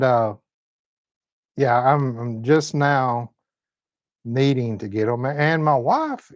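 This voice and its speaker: Streaming live from his home, a fifty-year-old host chats through viewer comments with laid-back Southern folksiness. He speaks at a middle pitch. The sound is dry and a bit muffled up top, with no room sound at all.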